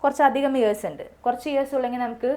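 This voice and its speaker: A woman coaching students for an exam, speaking. She talks quickly in a casual, repetitive way, with many fillers. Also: sits high, steady tone, dark tone. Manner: casual, repeats points, frequent fillers. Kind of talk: explaining exam tips in a video lesson.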